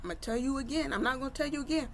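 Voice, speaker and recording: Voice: high-pitched, rapid-fire, a bit bright, voice pushed up. A storyteller doing a stern protective big brother. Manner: blunt, warning.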